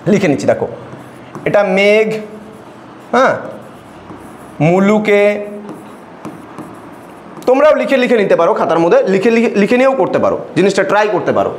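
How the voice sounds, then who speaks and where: A man's voice: high voice, very animated, racing, few pauses, roomy sound, slight background noise. A male tutor teaching a classroom lesson, patient, asking his students questions and repeating points.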